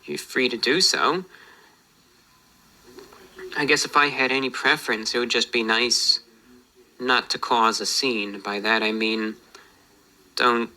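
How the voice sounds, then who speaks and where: A man speaking in a calm, understated, mildly bemused way in a casual monologue, answering viewer emails as a YouTuber. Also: medium pitch, slow pace, pauses often, poor audio.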